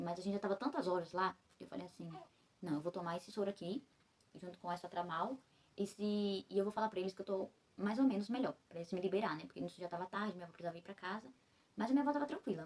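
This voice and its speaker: A woman's voice: mid-range voice, a little mellow, husky. A young woman from Brazil recounting a personal story in a rambling way, full of fillers and self-corrections, while recovering after childbirth. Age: young adult. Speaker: vlogger.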